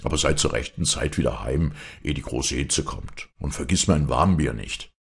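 A man voicing a gruff, drowsy farmer father in a fairy-tale reading. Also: extremely low pitch, normal speed, heavily acted. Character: gruff sleepy middle-aged farmer father.

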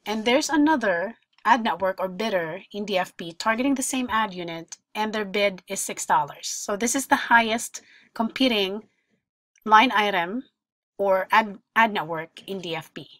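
Female tutorial presenter, mid-pitched, methodical step-by-step explainer, dry close-miked voice-over. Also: normal speed, fairly bright tone, no room sound. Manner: explanatory, walks through examples step by step. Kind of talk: screen-share tutorial voice-over.

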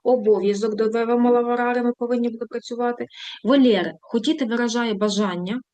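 A woman's voice: on the high side, fairly even intonation, fast talker, mellow, no echo, highs cut off. Woman teaching verb forms, dry close sound. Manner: reads examples and conjugations aloud, switching between Ukrainian and Italian; thinking aloud with fillers while scrolling through material. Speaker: Italian teacher. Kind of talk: online language lesson.

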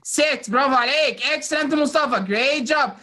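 A high, sharp-toned voice moving a little fast belongs to a woman with an Egyptian accent. She drills kids in phonics during an online class, coaxing and praising them and slipping in English words.

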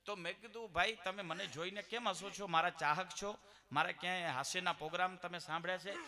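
A man's voice: high voice, fairly even intonation, brisk, bright, forceful tone. A man with a Gujarati accent telling jokes and stories on stage as a live comedian, talking straight to the audience. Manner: storytelling with quoted dialogue, addresses audience directly. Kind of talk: live stand-up joke telling.

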